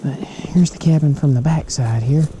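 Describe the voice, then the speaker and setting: A man narrates his hike in a chatty, wry voice set a little high, speaking to viewers as he goes. He records outdoors on a handheld phone. Steady wind and rushing creek water sit clearly under his voice. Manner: chatty, wry, talks to viewers while walking. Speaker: hiking vlogger. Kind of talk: casual narration while hiking. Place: outdoor forest trail by a creek.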